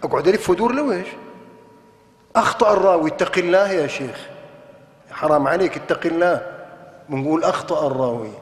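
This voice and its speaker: A man's voice: sits high, fast talker, pauses often. A man with a Levantine Arabic accent giving a televised religious lecture, emphatic and argumentative, firing off rhetorical questions. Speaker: religious scholar presenting a TV program. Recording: echoey hall with long reverb.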